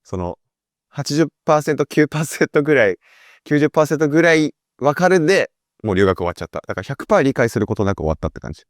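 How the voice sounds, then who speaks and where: A man's voice: a little high, very animated, rapid-fire, dry recording, clean studio sound. A man hosting a casual chat, telling rambling stories with restarts and laughter into a VR headset mic. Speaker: host.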